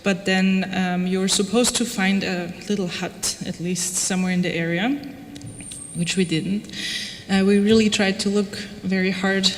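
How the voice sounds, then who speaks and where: An Austrian woman presents her own research project in an informal lecture before an audience in a reverberant room. Her medium-pitched voice is flat and a little slow, and her wry, conversational style is full of casual asides and frequent "like" and "you know." The hall is echoey, with background noise.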